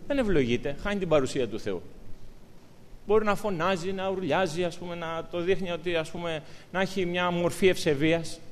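A man preaching a sermon to his congregation, talking with lively, emphatic rises. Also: sits high, a little hiss or hum. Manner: animated, rising to emphatic peaks. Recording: long hall reverb.

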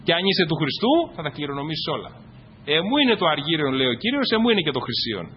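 Impassioned preacher, lively high voice, echoey hall. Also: male voice, husky. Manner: impassioned, swings between loud exclamations and quiet asides. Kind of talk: sermon. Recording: dull, echoey hall with faint noise.

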